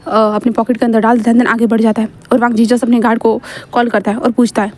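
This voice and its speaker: A woman's voice: a little high, flat delivery, quick pace, darkish tone. A woman casually reading a fan-fiction story aloud, chatty and correcting herself as she goes.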